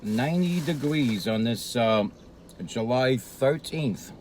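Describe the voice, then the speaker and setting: A New man talks slowly with his mouth full, drifting between thoughts in an unhurried, meandering way. His speech is salted with swearing and drawn-out "uh"s and "um"s. Faint traffic hums somewhere behind him. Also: medium pitch, expressive, darkish tone, low-quality recording. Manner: profane, meandering, hesitant fillers. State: eating while talking. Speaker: vlogger. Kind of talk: rambling casual monologue. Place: street near a Brooklyn diner.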